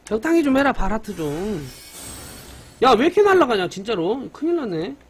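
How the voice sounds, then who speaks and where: A man's voice: high voice, moderate pace, breathy edge. A young man streaming a mobile game live, cheering on his upgrades and bantering playfully with chat viewers. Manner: excited, banters with viewers, mock-cursing.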